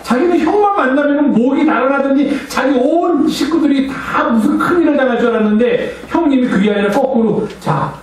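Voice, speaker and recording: A man's voice: very high voice, brisk, hardly any pauses. A man preaching a children's Sunday school sermon, telling a story with acted-out voices and asking the children questions. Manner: animated storyteller acting out characters' voices. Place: church hall. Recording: very echoey hall, mic from far off, faint hum.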